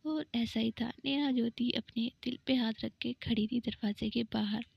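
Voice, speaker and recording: A woman's voice: on the high side, fairly even intonation, moderate pace, gravelly, breathy edge, no echo. A woman telling a romance story in a chatty, informal way. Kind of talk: casual story narration. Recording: dull lo-fi recording.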